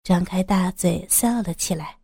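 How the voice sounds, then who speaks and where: A woman calmly narrating a crime story as a storyteller, in an even reading voice. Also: lowish voice, a little slow, creaky, slightly rough, no room sound, clean studio sound.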